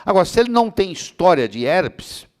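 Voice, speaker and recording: A man's voice: high voice, very animated, a little fast. A man giving a medical lecture to students, answering their questions with everyday analogies and often checking that they understand. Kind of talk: classroom lecture with Q&A.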